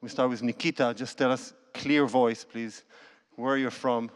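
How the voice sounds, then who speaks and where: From a church stage, a male conductor and cellist addresses the audience through a handheld mic in an unhurried, steady, mid-range voice. He tells his stories informally, restarting sentences and using non-native phrasing.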